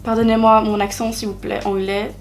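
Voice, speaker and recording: A woman's voice: medium pitch, flat delivery, a little fast. A young woman talking through a makeup tutorial in a chatty way, with many hesitations and self-deprecating asides. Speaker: beauty vlogger.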